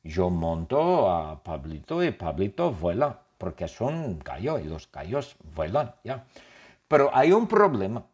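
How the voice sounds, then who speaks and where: A man speaking as an eccentric young male painter, in slow, simple, deadpan first-person sentences. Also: lowish voice, slightly rough, muffled recording, full character voice. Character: odd young man who paints with tears. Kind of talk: comic storytelling.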